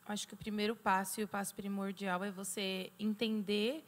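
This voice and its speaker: Measured woman explaining calmly. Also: medium pitch. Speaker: guest student. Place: TV studio set. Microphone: handheld mic.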